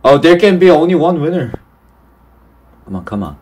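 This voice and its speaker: A man hosting a casual gaming video, excitable and quick to blurt short exclamations. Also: a little high.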